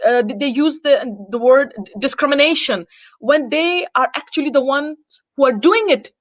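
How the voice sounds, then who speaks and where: A woman from Denmark talks as an interview guest in a high voice. She is earnest and repeats words to press a point. The sound is close and dry. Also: moderate pace, dry recording. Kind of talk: conversational interview.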